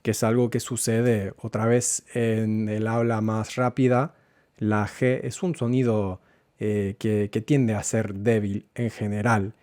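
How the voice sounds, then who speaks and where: A man teaching a Spanish lesson, going slowly and repeating words so learners can follow. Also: lowish voice, little pitch movement, a little mellow, no echo, clean studio sound. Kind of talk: language lesson.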